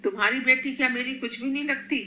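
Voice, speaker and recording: A woman voicing a gentle, protective elderly grandmother in a storybook reading, in an echoey room. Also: high-pitched, fast, slight background noise. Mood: tender.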